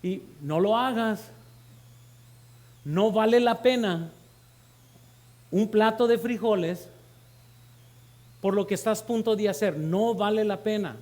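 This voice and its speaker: High-voiced Mexican pastor preaching. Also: male voice, slow pace, pauses often, a little mellow. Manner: addresses congregation as brothers with rhetorical questions. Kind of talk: sermon. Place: church.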